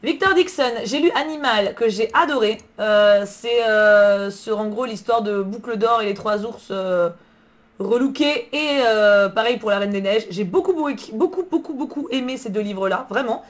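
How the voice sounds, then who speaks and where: A woman's voice: on the high side, moderate pace. A woman streaming live, chatting casually about books, answering her chat and swearing freely in slang. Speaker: book streamer.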